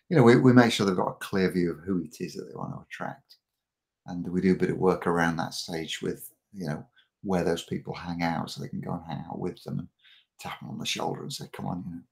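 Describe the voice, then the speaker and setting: A man's voice: sits low, vocal fry, a little mellow. A middle-aged man, a coach guest on a podcast, talking casually and often restarting and repeating words. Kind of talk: casual interview chat.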